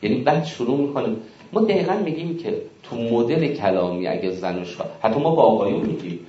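A man from Iran delivers a lecture on family life and faith, acting out little exchanges with a lively, swinging pitch. He sounds distant from the mic, the sound dull and muffled in a reverberant hall. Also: slight background noise. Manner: animated, acts out dialogues.

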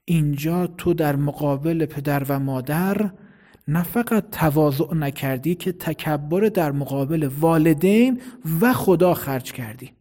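A man preaching a sermon in a measured, explanatory way, sometimes demonstrating tones of voice. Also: on the high side, dark tone.

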